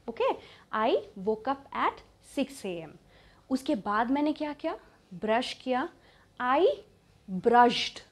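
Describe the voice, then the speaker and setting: A woman's voice: a little high, darkish tone. A young woman with an Indian English accent teaches English grammar while standing. She switches between Hindi and English and keeps checking in with "okay?" and "right?". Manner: slows down and stresses the English model sentences. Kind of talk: bilingual classroom-style lesson. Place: standing indoors in front of a wall.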